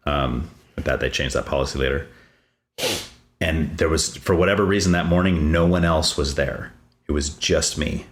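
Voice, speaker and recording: A man's voice: extremely low pitch, moderate pace. A man hosting a podcast, talking in a casual conversation and telling a personal story with growing animation. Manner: animated storytelling, voice rising when excited.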